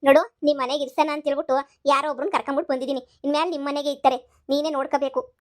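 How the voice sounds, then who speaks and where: A woman playing a bossy village woman in a cartoon comedy. Her voice is high-pitched. She lectures in a brisk, no-nonsense way. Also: steady tone, close to an everyday voice. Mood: lecturing. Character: village woman Lakshmu, bossy, helpful friend.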